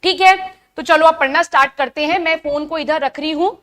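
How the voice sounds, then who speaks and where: A young woman giving a live online biology lesson, chatty and asking her students questions, reading textbook lines slowly before explaining them. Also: high voice, pushed and bright. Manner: reads English textbook lines slowly, then explains in Hindi. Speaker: biology teacher. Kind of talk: live online class lecture.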